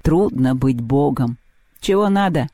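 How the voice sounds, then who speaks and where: A haughty storybook thunder god, groggy and hungover, drawls his verdicts slowly and condescendingly, as a man puts him on. The voice sits dark and mellow, close and dry with no room around it. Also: mid-range voice, animated, no room sound. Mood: sleepy lazy.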